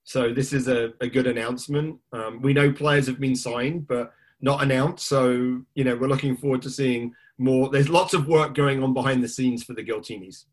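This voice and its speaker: A man's voice: medium pitch, fairly even intonation, normal speed. A man co-hosting a casual chat, thoughtful and hedging, leaning on "you know" and "I mean". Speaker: podcast co-host.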